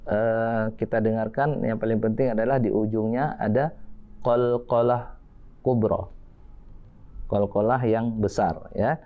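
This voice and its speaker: A man's voice: lowish voice, fairly even intonation, moderate pace, narrow, tinny audio. A man teaching Quran recitation on a TV lesson, patiently modelling each verse and counting his students in.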